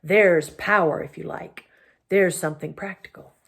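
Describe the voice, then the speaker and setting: A woman's voice: lowish voice, fairly even intonation, moderate pace, vocal fry, a bit bright. A woman voicing a bitter, defiant male dwarf in a storybook, arguing with cold, sneering emphasis. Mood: scornful.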